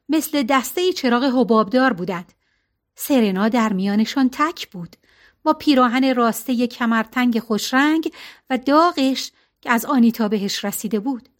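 A woman reading a novel aloud as narrator, in a calm, even way with colloquial phrasing. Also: high-pitched. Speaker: audiobook narrator.

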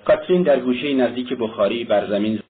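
A man reading a novel aloud as narrator, in a steady scripted delivery. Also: medium pitch, slight background noise. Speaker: audiobook narrator. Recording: tinny phone-like sound.

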